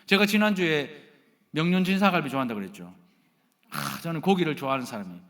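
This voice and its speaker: Lively high-voiced Gyeongsang pastor preaching. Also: male voice, fast. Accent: Gyeongsang Korean. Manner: animated, addresses the congregation directly and jokes with them. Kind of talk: sermon.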